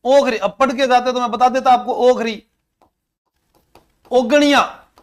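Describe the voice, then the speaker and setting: A man's voice: very high voice, fairly even intonation, a little slow. A man teaching an exam-prep lesson, playfully drilling memory tricks by repeating words. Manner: playful, drills terms by repetition.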